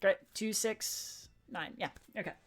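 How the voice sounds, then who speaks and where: A woman game master narrating and explaining a tabletop game, halting with many pauses. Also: mid-range voice.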